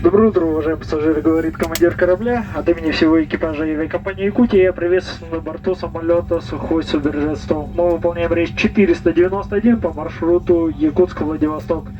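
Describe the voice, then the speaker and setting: A man, an airline captain, giving a brisk, formal in-flight announcement over the cabin loudspeaker. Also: fairly high pitch. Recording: muffled distant cabin loudspeaker with music.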